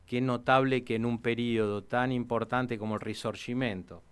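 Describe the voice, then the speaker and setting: Historian with a smooth voice. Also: male voice, mid-range voice, moderate pace. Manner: animated storytelling, many restarts. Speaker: historian guest. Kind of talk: radio interview.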